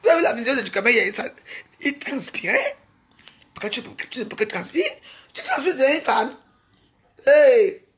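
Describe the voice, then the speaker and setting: A woman talking to her online followers in a mocking, scolding rant, full of quick restarts and jabs. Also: sits high, big pitch swings, fairly bright tone. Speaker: social media personality. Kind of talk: ranting live video.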